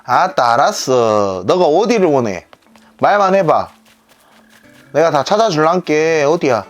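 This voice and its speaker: Woman doing a lower, drawling Jeolla-dialect animal villager girl, homely and eager to help. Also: very animated, a little slow, faint music behind. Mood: folksy.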